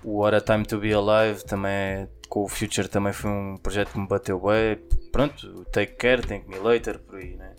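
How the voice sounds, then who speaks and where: A man's voice: lowish voice, flat delivery, normal speed, hardly any pauses. A young adult man chats casually about rap music in a slangy, rambling, conversational way. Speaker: music podcast host.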